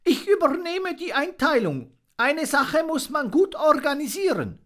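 A bossy, self-important bullfinch from a storybook. His very high voice is brisk and sounds pleased with itself. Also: very animated, fairly bright tone, full character voice. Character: respected male bullfinch, bossy organizer. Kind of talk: storybook reading.

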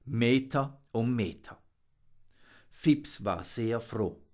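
A man's voice: mid-range voice, very slow. A man reading a children's animal story aloud. He takes his time and lets his voice rise and fall with the drama of each scene. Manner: expressive, dramatic pacing. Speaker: narrator.

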